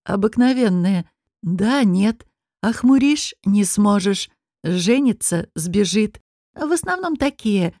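Lady doing a smug sneering demon lord guy, mocking drawl, dark dry audiobook voice. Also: medium pitch, lively intonation, takes it slowly, no echo. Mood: gloating. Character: sneering smug male high demon nobleman. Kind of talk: audiobook character reading.

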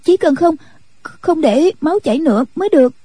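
A woman voicing a timid, gentle young nun who pleads anxiously in an audiobook. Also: animated, dry recording. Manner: higher, pleading, rushed voice.

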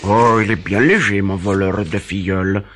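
A man's voice: low voice, fairly even intonation, a little slow, a bit bright, slight background noise, pitched below the performer's own voice. A man voicing a vain, scheming nobleman count who is easily fooled, speaking in an exclaiming, indignant manner. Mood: musing. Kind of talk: storybook character voice.

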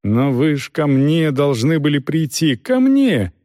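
A man voicing a frantic, outraged mercenary captain who shouts in a high, indignant voice. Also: wildly swooping pitch, moderate pace, no room sound, studio quality, full character voice. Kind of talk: audiobook character voice.

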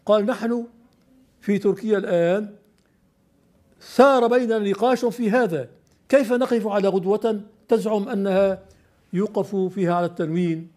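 A man's voice: high-pitched, normal speed, long pauses, mellow. An older man teaching classical Arabic poetry, explaining step by step and questioning his student.

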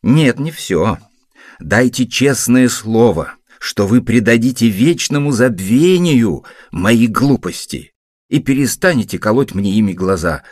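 Young male nephew, earnest and touchy, pitched up and very lively, as a male reader puts him on. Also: a little slow, no echo, clean studio sound. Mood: insistent. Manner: pleading, insistent.

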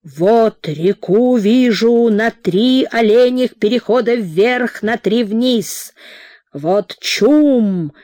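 A woman's voice: on the high side, mellow, no room sound, clean studio sound. A woman reading a storybook, voicing a frenzied male shaman who chants and wails in a trance. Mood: visionary. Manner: chanting, wailing cries, drawn-out calls. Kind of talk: audiobook reading.

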